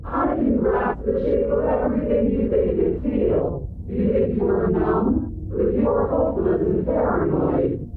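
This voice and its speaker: Creepy princess from a video game, high and slow, accusing, drowning in reverb. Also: female voice, very animated, phone-quality sound, crowd noise, noisy background. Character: menacing otherworldly princess, possessing and taunting. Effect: heavy echo, reverberating. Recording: echo-drenched, thin band-limited game voice.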